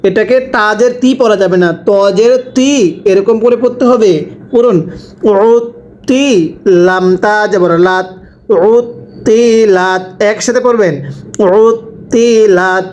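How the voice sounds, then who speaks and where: Man, Quran reading teacher, very slow call-and-repeat drilling, spells letters then drawls the word. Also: high-pitched, fairly even intonation, rough recording. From Bangladesh.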